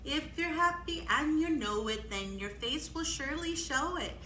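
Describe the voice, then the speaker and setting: High and sharp, this woman's voice moves at an ordinary speed with plenty of animation. She's hosting storytime for young children, encouraging and exclaiming while prompting them with questions in songs and guessing games, recorded in an echoey space with faint noise.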